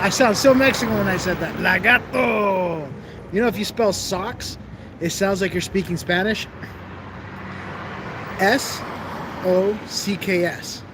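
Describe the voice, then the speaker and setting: Against a noisy backdrop, a man with a high-pitched voice hosts a relaxed outdoor live stream. He rambles, reads out what viewers comment, and laughs at himself.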